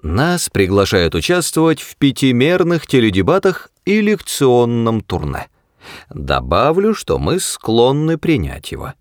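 A man's voice: medium pitch, huge pitch swings, a little slow, no echo, clean studio sound, pitched above the performer's own voice. Frankie, a fed-up talking mouse, as a man puts him on. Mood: weary. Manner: chatty, tired and fed-up.

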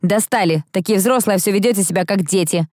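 A woman's voice: mid-range voice, fast, a little mellow, dry recording, studio quality, natural voice. A woman voicing a stern middle-aged aunt who snaps commands in an audiobook. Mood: scolding. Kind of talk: audiobook character voice.

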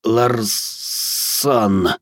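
Man doing a rasping, terrified prisoner. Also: on the low side, fairly even intonation, extremely slow, no echo, studio quality. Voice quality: hoarse rasp.

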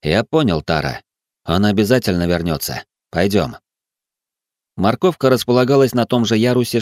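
A man narrating a first-person audiobook in an even, steady way. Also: fairly low pitch, no room sound, studio quality.

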